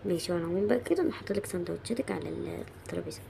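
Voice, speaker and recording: A woman voicing a caring mother who gently coaxes her daughter, speaking lower and softer than her own voice, in an amateur home drama. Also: racing, vocal fry, a little hiss or hum. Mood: coaxing. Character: scolding caring mother of a schoolgirl.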